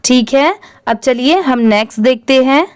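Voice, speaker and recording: Woman, reading teacher; high, smooth, very slow, spells each word letter by letter. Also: no room sound, studio quality. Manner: spells words letter by letter in Hindi, then says them slowly. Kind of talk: spelling out and reading English words slowly for learners.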